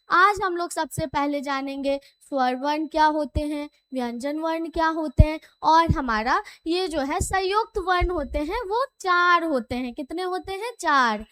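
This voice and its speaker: High-voiced woman teaching a Hindi class. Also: fairly bright tone, no room sound. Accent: Bihari Hindi. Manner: asks questions and answers them herself, calls listeners "beta" and "bachcha"; mixes English words into Hindi. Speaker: primary school Hindi teacher. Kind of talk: classroom lesson.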